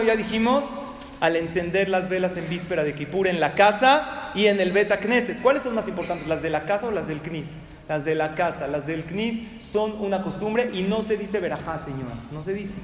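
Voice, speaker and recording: A man giving a Torah class as a sermon, telling stories with animated voices for the people in them. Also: high-pitched, moderate pace, slight background noise. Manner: animated storytelling, acting out voices. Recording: echoey hall with faint ambience.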